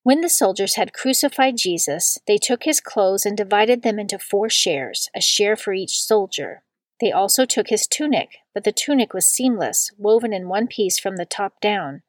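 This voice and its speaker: Woman, liturgical reading, slow on quotes, dry close-miked recording. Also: medium pitch, expressive, no room sound. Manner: slow and deliberate on quoted words. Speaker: scripture reader.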